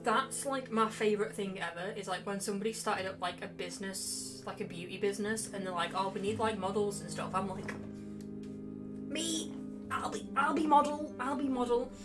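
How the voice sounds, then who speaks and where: Loud game music with guitar fills the background as this young woman streams casually. She speaks at normal speed in a mid-range voice, rambling, cursing and making fun of herself.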